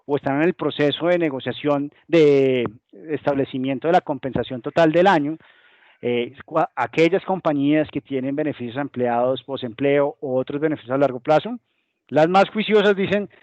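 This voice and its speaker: A Colombian man with a Colombian Spanish accent guest-presents a business webinar, explaining things and sometimes acting out what hypothetical companies might say. His voice is fairly high and a little mellow, at normal speed, recorded lo-fi with no echo.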